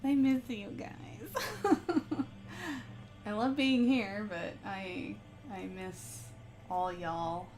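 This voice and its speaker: A woman hosts a relaxed live stream while she paints and chats with her viewers. She rambles, laughs often and takes her time, speaking at an unhurried pace. Soft music plays faintly behind her. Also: mid-range voice.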